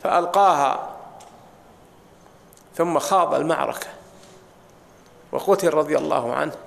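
A man gives a religious lecture, explaining texts and turning to his listeners with rhetorical questions. His voice sits a little high and has a gravelly edge. It rings out with the long reverb of a large hall. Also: measured pace. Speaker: Islamic scholar teaching.

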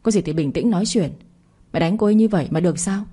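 A woman's voice: fairly low pitch, fast talker, warm tone, slightly rough. Woman voicing a worried young husband. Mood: upset. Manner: urgent, upset.

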